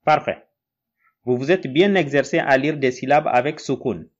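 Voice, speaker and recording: A man teaching in a recorded lesson, slow and patient, spelling out syllables one by one. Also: medium pitch, highs cut off. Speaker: Quran reading teacher.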